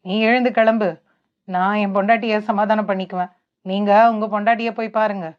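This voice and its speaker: A woman's voice: mid-range voice, fairly even intonation, moderate pace, close to an everyday voice. A woman voicing a short-tempered elder brother who talks brusquely. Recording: dull lo-fi.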